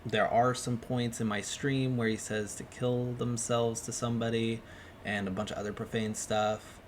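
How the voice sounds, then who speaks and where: A man hosting a commentary video, talking in a measured way and often saying "honestly.". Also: medium pitch, level tone, slight background noise. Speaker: YouTuber host.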